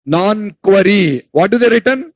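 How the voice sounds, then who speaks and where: A man teaching a class, repeating points, quizzing students and scolding them to speak louder. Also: sits high, animated, unhurried, no echo, rough recording. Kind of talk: classroom lecture.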